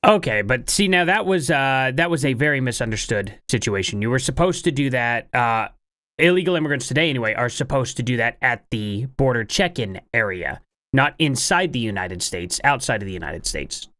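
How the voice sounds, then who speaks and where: A man's voice: mid-range voice, lively intonation, brisk, sharp tone, no room sound. Man pressing pointed questions, dry sound. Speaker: online troll host. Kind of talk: casual political debate.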